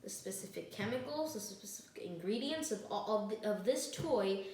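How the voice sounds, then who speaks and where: A woman's voice: medium pitch, animated, moderate pace, a little mellow. A woman speaking as a student attorney in a mock trial, giving an earnest, emphatic closing argument. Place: echoey indoor room, recorded from a distance. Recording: very echoey room, distant microphone.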